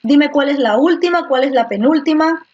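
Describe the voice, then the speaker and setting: Heard over a computer microphone in a video class, a woman teaches online, patiently going over words again and testing her students. She has a high, darkish voice at normal speed, in slightly muffled lo-fi sound.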